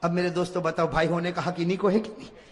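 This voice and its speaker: High, bright-voiced male preacher in a hall. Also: little pitch movement, a faint crowd. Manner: dramatic, swinging from hushed asides to fervent shouts; asks the audience to repeat after him. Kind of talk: sermon storytelling. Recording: reverberant hall.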